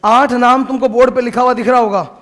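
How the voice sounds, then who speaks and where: Man, law lecture, casual, very high voice, reverberant classroom. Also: steady tone, fast talker, fairly bright tone. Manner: casual, scolds noisy class, mixes English terms. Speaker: law teacher. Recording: long hall reverb.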